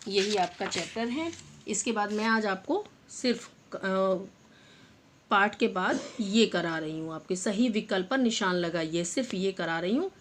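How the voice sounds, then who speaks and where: Teaching Hindi grammar to small children, this young woman primary teacher says example words slowly and patiently, again and again, addressing her pupils affectionately. Her voice sits in the mid range, with slight background noise in the recording.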